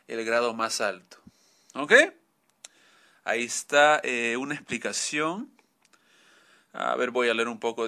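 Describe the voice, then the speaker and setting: Slow, bright-voiced male English teacher. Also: a little high. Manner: explains slowly, repeats "¿ok?" often. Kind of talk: bilingual grammar lesson.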